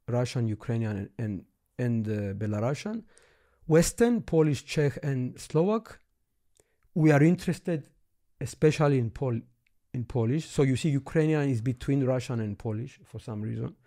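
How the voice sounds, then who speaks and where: Speaking with a Greek accent and a dark-toned, mid-range voice, a man gives a casual history lesson. He eagerly explains, thinks out loud, and points things out as he goes.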